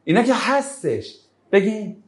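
A male religious teacher giving a classroom Quran lesson. He recites verses slowly, glosses them in everyday speech and keeps calling on students, turning down their answers one after another. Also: sits high. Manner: quizzes students again and again, brushing off answers; lively and animated when making a point.

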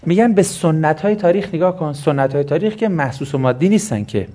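A man's voice: fairly high pitch, lively intonation, dark tone. A man giving a lesson explaining a Quranic verse, posing questions and answering them himself. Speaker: Quran teacher.

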